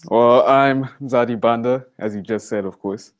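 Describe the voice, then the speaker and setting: An eighteen-year-old college student from Malawi talks casually as an interview guest over a video call from a library study room. He's relaxed and conversational, using lots of "like" and "you know," in a mid-range voice at a moderate pace.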